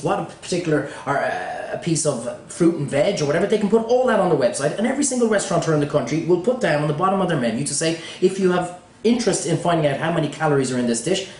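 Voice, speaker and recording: A man's voice: a little high, a little mellow, natural voice. A man playing a passionate restaurateur arguing his case emphatically. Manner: emphatic, insistent argument. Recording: echoey room, voice set far off.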